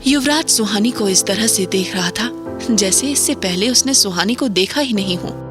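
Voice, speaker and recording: Here a woman with a mid-range voice serves as narrator for a horror audio drama, keeping a steady, measured delivery that builds suspense one line at a time, with music continuously in the background.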